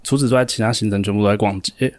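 A young man with a Taiwanese Mandarin accent, co-hosting a podcast and telling anecdotes in a lively way, with laughs. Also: fairly low pitch, rapid-fire. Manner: animated storyteller, acts out quotes with laughs. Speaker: podcast co-host. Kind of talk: casual chat, storytelling.

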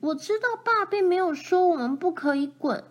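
A woman's voice: extremely high pitch, sing-song, a little slow, voice pushed up, exaggerated voice. A woman voicing a cautious young girl who scolds and worries about rules. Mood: scolding. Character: cautious rule-minding older sister girl.

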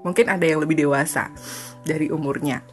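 Chatty woman podcaster, soft music behind. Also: deep voice, steady tone, fairly quick. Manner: chatty and confessional, mixing in English phrases, laughs often. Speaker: podcast host. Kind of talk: casual solo podcast monologue.

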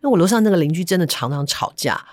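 Animated woman telling a story. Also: fairly low pitch, very fast, no echo, studio quality. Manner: animated, acts out sounds and voices. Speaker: podcast host. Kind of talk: lively storytelling chat.

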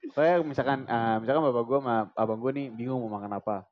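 A young man chats in fast, rambling bursts, full of fillers and slangy jokes. His voice sits at a middle pitch, and the podcast recording sounds slightly dull. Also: slight background noise. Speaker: podcast co-host. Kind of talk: casual chat.

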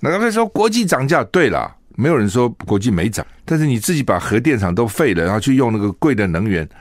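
A man's voice: medium pitch, very animated, fast, no room sound, clean studio sound. A man hosting a radio show, giving opinionated solo news commentary full of rhetorical questions.

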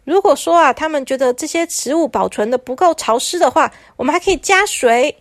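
A woman's voice: sits high, fairly quick, no echo, clean studio sound, voice pushed up. A woman voicing chattering talking toilets. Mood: excited. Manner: excited, bickering. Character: chatty talking toilets, boastful then sulky.

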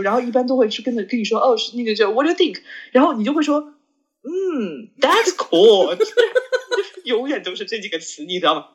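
Woman on a chatty podcast, kinda husky, lots of um and restarts. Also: high voice. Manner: rambling, many fillers and restarts. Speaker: podcast co-host. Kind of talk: casual chat between friends.

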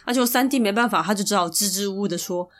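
A woman's voice: medium pitch, quick pace. A woman with a Taiwanese Mandarin accent hosting a podcast, retelling myths in a chatty, playful way. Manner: chatty, playful, lively asides. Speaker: podcast host. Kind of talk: casual storytelling podcast. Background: faint background music.

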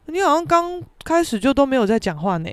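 Woman acting out a shrill, startled mother. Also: big pitch swings, fast, no echo. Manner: shrill, shouting. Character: startled loud middle-aged mother.

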